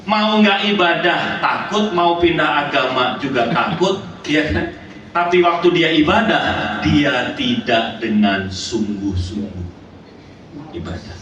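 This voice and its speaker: Animated male pastor in an echoey hall. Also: a little high, slow pace. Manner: animated storytelling, often asks the congregation for amen. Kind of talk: sermon. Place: church hall. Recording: echoey church hall, distant mic, background noise.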